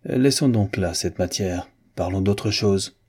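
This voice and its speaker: A man voicing a calm, courteous nobleman. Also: low voice, slightly rough, heavily acted. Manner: measured, polite.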